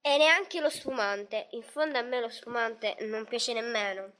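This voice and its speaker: A woman voicing a poor, warm-hearted shoemaker's wife in a storybook reading, in a lively, playful way. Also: on the high side, measured pace, pitched below the performer's own voice. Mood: gentle.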